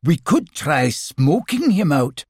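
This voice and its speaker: A man voicing a bossy male rabbit full of plans, brisk and decisive. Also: on the high side, very animated, a little mellow, slightly rough, no echo, studio quality, full character voice.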